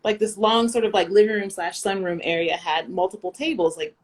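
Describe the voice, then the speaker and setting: An American woman chatting casually, telling a lively story full of fillers and asides. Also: medium pitch, fairly quick. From United States. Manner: animated storyteller, lots of fillers. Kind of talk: casual chat.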